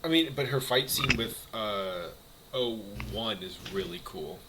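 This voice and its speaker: A young man chatting casually as co-host, opinionated and animated, often restarting his sentences. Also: fairly low pitch, unhurried, crowd noise, low-quality recording. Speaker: co-host ranking movie villains. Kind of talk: casual chat.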